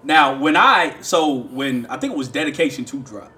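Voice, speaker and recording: A man co-hosting a casual podcast chat who tells stories in an animated way and laughs through them. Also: medium pitch, moderate pace, slight background noise. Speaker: podcast co-host.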